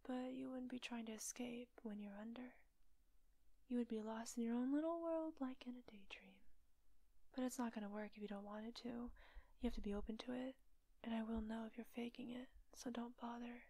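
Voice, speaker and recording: A woman voice actor performs a teasing female kidnapper for an intimate audio roleplay, coaxing and smug while staying calmly in control. Soft, breathy and frequently whispered, her voice sits fairly high but mellow, a gravelly creak beneath it. The recording has no echo.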